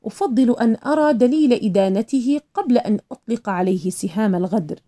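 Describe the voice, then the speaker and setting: A woman's voice: a little high, expressive, quick pace, mellow, natural voice. A woman voicing a young heiress who sharply accuses a man of deceiving her father. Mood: troubled.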